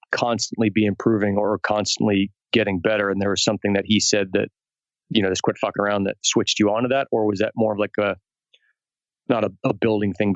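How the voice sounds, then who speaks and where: A man's voice: lowish voice, no echo, lo-fi sound. A man co-hosting a podcast, asking long probing questions. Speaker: podcast co-host. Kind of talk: casual podcast chat.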